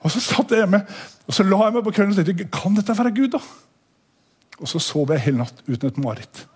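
A man with an unusually high voice delivers a testimony sermon to his congregation. He is animated and folksy, stresses his words hard and now and then breaks into a shout. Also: slightly rough. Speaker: lay preacher giving a testimony. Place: church meeting hall.

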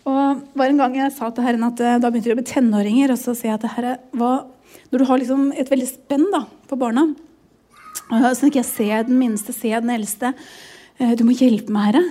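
A woman's voice: a little high, warm tone. A woman in her forties, a pastor's wife, sharing a personal testimony in a sermon, emotional and often close to tears.

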